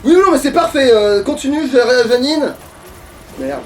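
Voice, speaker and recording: Faint music plays behind a very high-pitched man who talks unhurriedly with lively intonation while gaming. He chats casually, commenting on his own play while grumbling and swearing at the game, captured by a distant mic with background noise.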